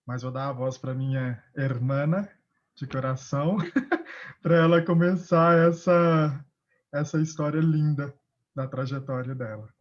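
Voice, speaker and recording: Gentle man on a muffled video call. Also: fairly high pitch, steady tone, unhurried. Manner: gentle and grateful. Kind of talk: casual chat on a video call. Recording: dull, muffled sound.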